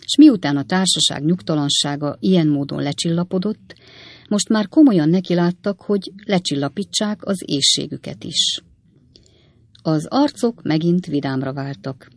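A woman narrating an audiobook in a measured, expressive reading. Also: low-pitched, dry recording.

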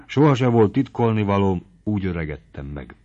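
Guy voicing a sad old gray-haired man, quiet and hesitant, low voice, muffled recording. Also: sing-song. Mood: humble. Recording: dull lo-fi recording.

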